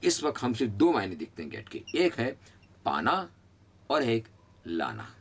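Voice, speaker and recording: A middle-aged man teaching an English lesson, slowly drilling phrases between chatty asides. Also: medium pitch, wildly swooping pitch, a little hiss or hum. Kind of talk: spoken English lesson in Hindi.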